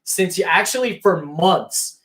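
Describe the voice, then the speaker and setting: High-voiced excitable wrestling show co-host. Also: male voice. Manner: rambling, fast restarts, excitable when teasing. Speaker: podcast co-host. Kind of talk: casual wrestling talk show chat.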